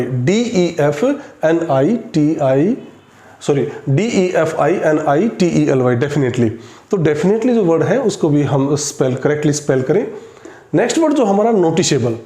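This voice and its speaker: A man teaching an English spelling lesson, spelling words out slowly letter by letter. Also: on the high side, dark tone. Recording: echoey room.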